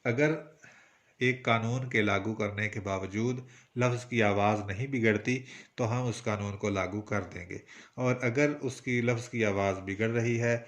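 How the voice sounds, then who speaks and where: A man from Pakistan with a Punjabi accent, teaching Urdu poetry meter in a patient, explanatory way with frequent pauses. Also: lowish voice, steady tone. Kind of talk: spoken lesson on Urdu verse meter.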